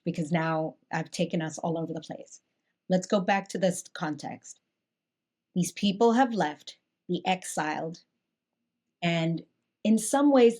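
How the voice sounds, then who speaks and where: A woman from Hong Kong, a pastor, talking through a Bible passage in a reflective, conversational way, with frequent restarts and animated asides. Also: lowish voice.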